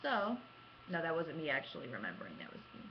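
A young adult woman gaming vlogger tells animated, casual stories to camera at a quick pace, her low-pitched voice swinging hugely in pitch. She's theatrical and self-mocking, acting out quotes. The webcam at arm's length in her small home room yields muffled, dull lo-fi sound with clear noise.

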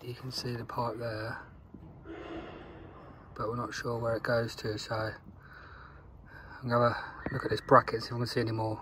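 A mechanic vlogger holds his phone camera close while working on a car engine outdoors with the bonnet open, thinking aloud in a casual work vlog. His medium-pitched voice is completely flat, at a moderate pace with frequent pauses, over outdoor ambient noise.

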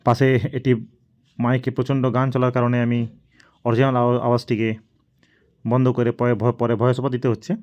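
A man's voice: mid-range voice, completely flat delivery, fairly quick, pauses often, darkish tone, clean tone, muffled recording. A man giving play-by-play football commentary as a voice-over, announcing in short, broken phrases with repeated stock expressions. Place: voice-over recorded after the match, away from the pitch.

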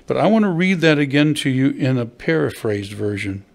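His voice is mid-range with vocal fry, animated and at a normal pace: an older man, a pastor, preaching from a wooden pulpit in a church hall. He chats with the congregation, posing questions, while a stand mic at the pulpit captures him.

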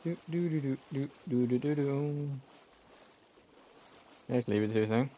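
This young gameplay streamer, a non-native English speaker, has a mellow mid-range voice and speaks a little slowly. The recording is muffled with a faint hiss or hum, and his let's-play talk is loose and rambling, full of self-corrections and swearing at the game.

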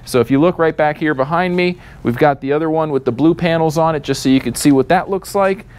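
Speaking fast in a clear, resonant, slightly mellow and somewhat high voice, a thirty-something store host runs through a product walkthrough, cheerfully selling the specs amid rows of scooters in the showroom.

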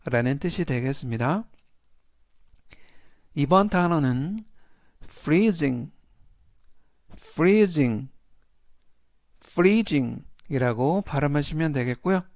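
A man teaching English vocabulary, reading each word and example sentence in slow, deliberate steps. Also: a little high, animated, dry recording, studio quality. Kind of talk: scripted vocabulary lesson.

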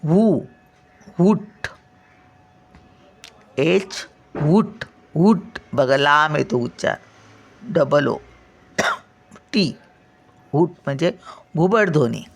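A woman's voice: low voice, expressive, very slow, gravelly, long pauses. An older woman teaching a spelling lesson, sounding words out syllable by syllable and explaining patiently as she checks that the listener follows.

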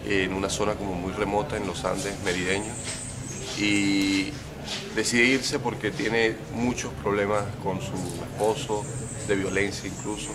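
Young Venezuelan man, low-pitched. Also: little pitch movement, measured pace. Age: young adult. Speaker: filmmaker guest. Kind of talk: festival interview. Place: outdoors by a building entrance.

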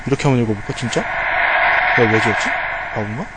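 A man streaming a game live, muttering to himself as he works through a puzzle, with loud game music behind him. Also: medium pitch, fairly even intonation, fast, heavy background noise.

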